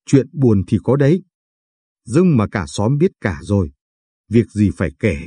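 A man voicing an older village woman who speaks in a flat, matter-of-fact way, in a storybook reading. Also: fairly low pitch, measured pace, breathy edge, no room sound, studio quality, exaggerated voice.

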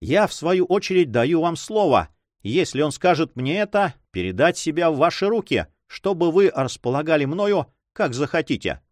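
A man's voice: fairly high pitch, sing-song, normal speed, darkish tone, dry recording, clean studio sound, voice pushed up. A man voicing an agitated, earnest young nobleman in an audiobook. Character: distraught, emotional young nobleman.

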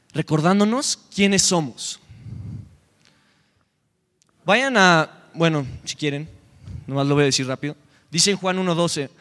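Young Mexican male youth preacher, high voice, animated and joking, long hall echo. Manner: animated, joking, retells scripture in quoted voices. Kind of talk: sermon.

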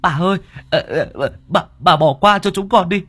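A man's voice: high-pitched, moderate pace, pushed and bright, slightly rough, voice pushed up, heavily acted. A man voicing a panicky, cheeky young male laborer who stammers and talks frantically. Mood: wheedling.

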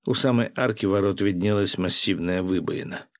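Low-voiced male audiobook narrator. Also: moderate pace, no room sound, clean studio sound. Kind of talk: audiobook narration of historical fiction.

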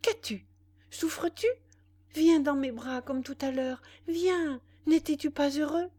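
A woman's voice: high-pitched, takes it slowly, mellow, voice pushed up. A woman voicing a young woman in feverish delirious sleepwalking, speaking in a strong, clipped, urgent way. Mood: urgent tender. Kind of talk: audiobook dialogue reading.

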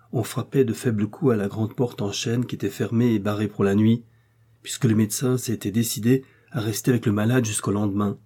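A man reading a classic novel aloud as an audiobook narrator, in a measured, even way. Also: lowish voice, husky. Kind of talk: scripted narration.

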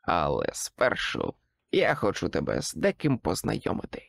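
A cold, threatening sorcerer, put on by a male audiobook narrator, dragging out his words with slow menace. The voice is gravelly and dry, with no room sound. It swings between low growls and sharper rises. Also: huge pitch swings, no room sound, exaggerated voice. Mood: menacing.

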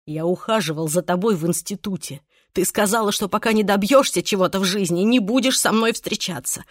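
A woman's voice: medium pitch, fairly quick, dry recording, clean studio sound, natural voice. Woman voicing an obsessive, menacing young man. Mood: desperate. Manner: pleading then cold and threatening.

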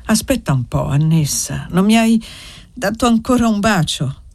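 A man's voice: sits high, animated, moderate pace, vocal fry, dry recording, pitched above the performer's own voice, full character voice. A reader voicing Paolo, a young indebted nobleman who coaxes his lover and lies to her. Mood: coaxing. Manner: urgent, coaxing, lying.

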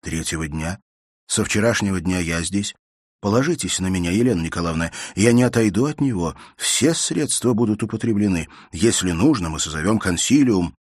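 A man's voice: sits low, lively intonation, a little fast, slightly rough, no room sound, studio quality. A man voicing an anxious, reassuring young man. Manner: earnest, insistent reassurance. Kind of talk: audiobook character voice.

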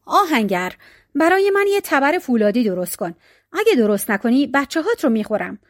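A woman playing Baba Yaga, a shrill old witch. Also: big pitch swings, no room sound, clean studio sound. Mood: threatening. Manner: menacing, shouting.

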